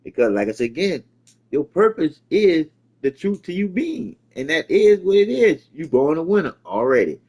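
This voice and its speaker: A man with a hosts a loose live stream chat. His voice sits a little high and swings widely in pitch as he preaches at his viewers, often stammering into a point. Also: big pitch swings, moderate pace, a little mellow, slightly rough.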